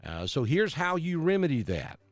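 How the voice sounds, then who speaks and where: A middle-aged man from Alabama, a weather broadcaster, chats casually on a live weather stream and greets viewers by name. His voice is a little high and very animated at normal speed, with soft background music and no room sound.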